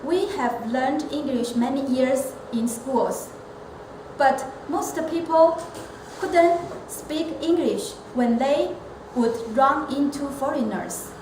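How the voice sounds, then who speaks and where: Recorded in an echoey space with constant noise behind her, a Taiwanese elementary school teacher who belongs to a club delivers a prepared speech. Her high voice is slow and deliberate, earnest and measured, with some self-corrections and restarts.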